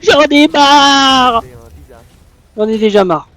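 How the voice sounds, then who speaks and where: A man giving live gameplay commentary as a gaming YouTuber, raging and swearing with loud exclamations. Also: very high voice, slow pace.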